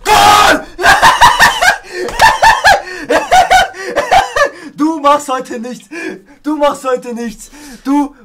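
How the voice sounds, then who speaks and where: A man playing a football video game on stream, cursing and raging at his losses in loud outbursts. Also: very high-pitched, fairly even intonation, slow, few pauses, background noise. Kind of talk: casual gaming stream banter.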